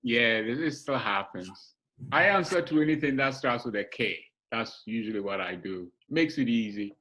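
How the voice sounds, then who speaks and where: A man born in Ghana, a guest in a casual comedy chat, easygoing and quick to laugh. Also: mid-range voice, lively intonation, sharp tone.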